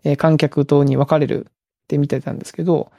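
A man hosts a relaxed podcast conversation, his voice a touch higher than most and gravelly with vocal fry. He wanders through his points with fillers and restarts. The sound is dry and close. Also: a little fast, no echo, highs cut off. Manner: rambling, with many fillers and restarts. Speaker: podcast host. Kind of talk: casual podcast chat.

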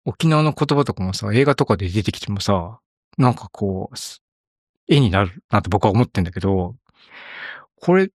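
A man's voice: lowish voice, animated, normal speed, no room sound, clean studio sound. A man co-hosting a casual podcast chat, thoughtful and a bit hesitant in his phrasing. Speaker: podcast co-host.

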